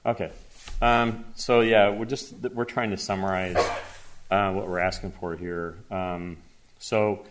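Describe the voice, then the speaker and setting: A man with a very low voice presents his own application to a public board. He talks casually and haltingly, with plenty of ums and uhs. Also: fairly even intonation, background noise. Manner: casual, hesitant, many fillers. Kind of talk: informal presentation at a public hearing.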